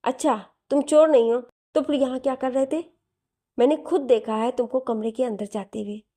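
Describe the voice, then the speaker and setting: A woman voicing a lively, talkative young woman in a storybook reading. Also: high-pitched. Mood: accusing. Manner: chatty, quick to accuse.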